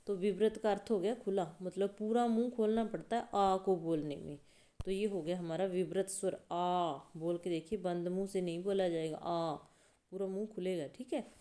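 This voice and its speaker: A woman's voice: medium pitch, mellow. A woman teaching an exam-prep grammar lesson, repeating key terms, asking and answering her own questions and sounding out vowels to demonstrate.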